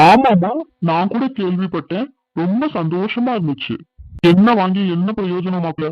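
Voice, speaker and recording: An earnest, middle-aged village family man in a cartoon, played by a man. His voice sits fairly high for a man and carries a plain, conversational manner. The recording is dry and a bit dull, like a lo-fi studio dub. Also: moderate pace, no echo, faint music behind, close to an everyday voice. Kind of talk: cartoon dubbing.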